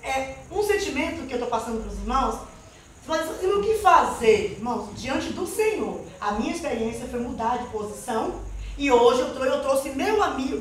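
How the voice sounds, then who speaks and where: This is a woman with a high voice testifying earnestly to her church, frequently crying out to the Lord and to the brethren. The church hall is very echoey, the microphone sits far away, and slight background noise is present.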